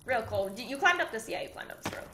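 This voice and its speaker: A woman's voice: fairly high pitch, animated, fast, bright, forceful tone, roomy sound, a little hiss or hum. A woman streaming a survival game with her partner, chatting casually and thanking viewers with bubbly, jumpy exclamations. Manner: bubbly, reads donations aloud, jumpy exclamations. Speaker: gaming streamer. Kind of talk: casual let's-play chat.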